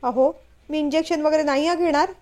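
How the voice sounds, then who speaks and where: A woman's voice: sits high, fairly even intonation, a little fast, a little mellow, close to an everyday voice. A woman reading a story, voicing a stubborn, frightened young wife who whines and refuses. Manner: whiny, stubborn.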